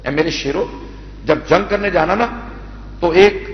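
A man's voice: sits high, lively intonation, slight background noise. A preacher doing a pleading noble woman. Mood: urging. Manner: raised, pleading and urgent. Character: noble grown daughter and mother, pleading and fervent. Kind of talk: sermon recitation of a mourning narrative. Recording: dull lo-fi sound.

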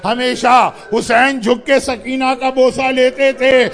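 A man's voice: very high-pitched, flat delivery, a bit bright. A male preacher telling a mournful story in an emotional sermon, with rhythmic, lamenting delivery. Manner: rhythmic, lamenting, dramatic narration.

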